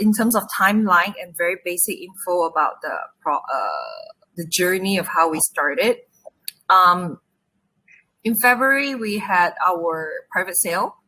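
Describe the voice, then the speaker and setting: A woman from Malaysia, a crypto project founder talking earnestly and quickly in an online AMA, with many fillers. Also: mid-range voice, pushed and bright, poor audio.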